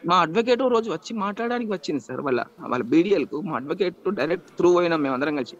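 A man's voice: sits high, animated, very fast, highs cut off. A man, pleading emotionally in a news interview and repeatedly appealing to the interviewer. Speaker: interviewee, estranged husband.

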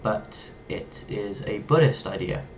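Slow and fairly low-pitched, a young Englishman talks to camera in a casual vlog from a small bedroom, using his webcam. The low-quality recording has a little hiss or hum. He's playful and lively, with an English accent, and toys with foreign words.

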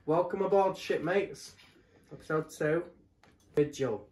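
A woman co-hosting a TV reaction video, chatting casually and yelling at the screen when excited. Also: low-pitched, unhurried, echoey room.

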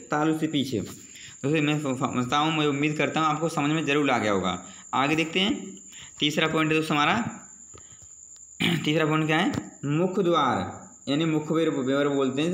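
A man teaching exam preparation in a slightly raised voice. He asks his own questions and answers them at once, often addressing his listeners as friends, and drags out sounds to demonstrate them. The recording has a noticeable room echo. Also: fairly high pitch. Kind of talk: exam prep lesson explaining Hindi vowels.

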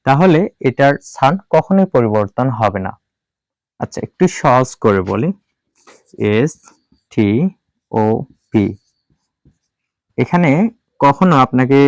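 A man's voice: medium pitch, a little mellow, clear, resonant tone, dry recording, poor audio. A man teaching an English pronunciation lesson, spelling out letters one by one and repeating each rule for emphasis. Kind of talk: classroom-style lesson.

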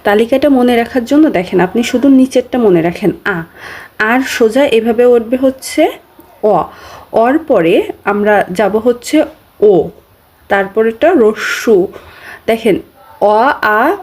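A woman's voice: a little high, expressive, measured pace, a little mellow. A woman with a Bangladeshi Bengali accent teaching a grammar lesson, patiently repeating key terms with frequent hesitations.

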